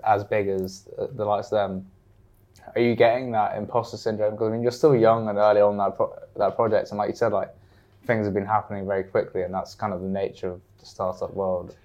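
Flat-voiced male interviewer. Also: on the low side, a little fast. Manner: relaxed, brief affirmations. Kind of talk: casual interview questions.

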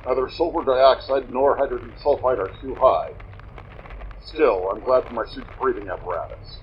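A man's voice: medium pitch, moderate pace, background noise, lightly acted. An actor playing a precise, guarded male scientist in a breathing suit in an audio drama. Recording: dull lo-fi sound.

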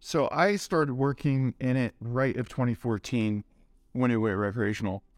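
A middle-aged man swaps anecdotes in a casual interview about his career in the cannabis industry, talking like a laid-back stoner with plenty of slang and swearing. His medium-pitched voice moves at a normal speed, with no room sound.

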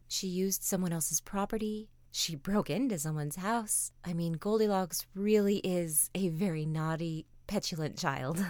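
A woman reads a bedtime story in a soft, gentle voice, often sinking into a whisper. Her voice sits in a middle range, and she is close and dry on the mic. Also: mid-range voice, no echo.

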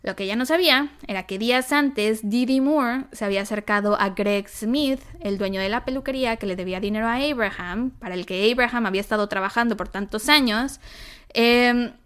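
Mexican lady chatting thru a crime story on a podcast, lively asides, smooth tone, kinda high. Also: brisk. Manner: chatty, animated retelling with asides. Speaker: podcast co-host. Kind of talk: casual true-crime storytelling.

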